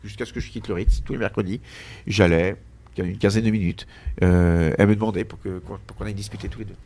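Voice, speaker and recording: Deep-voiced French chef telling stories. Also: male voice, quick pace. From France. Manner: animated anecdotes with frequent restarts and fillers. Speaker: chef being interviewed. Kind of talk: casual interview storytelling.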